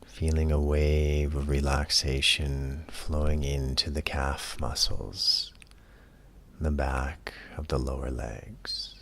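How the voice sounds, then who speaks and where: With an extremely low, creaky voice, a man acting as a yoga teacher talks listeners through a guided relaxation. His delivery is calm, measured, and soothing, with long pauses between phrases.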